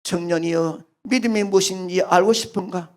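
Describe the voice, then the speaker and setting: A Korean preacher with a Gyeongsang accent voicing a calm old pastor who gives low, slow commands. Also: male voice, close to an everyday voice. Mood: commanding.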